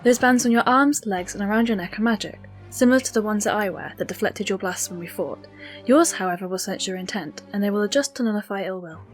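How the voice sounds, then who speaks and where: A woman playing a stern, composed Amazon warrior heroine, measured and formal in a dramatic fan audio drama. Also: medium pitch, soft background music, lightly acted. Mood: stern, assured.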